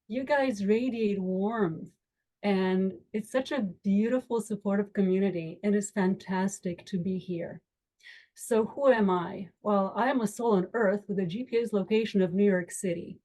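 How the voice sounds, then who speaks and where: A warm, medium-pitched woman from Romania, an attorney and education board member, addresses a community meetup on a video call, though the recording is rough. Her tone is earnest and hopeful, her pace slow and deliberate, with emphatic lists.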